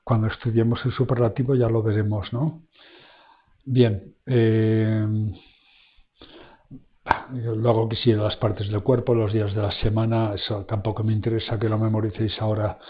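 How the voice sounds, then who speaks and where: In a laid-back online lesson, a male German teacher chats through grammar points, using many fillers and reading every German example slowly. His voice is fairly low-pitched, soft and mellow.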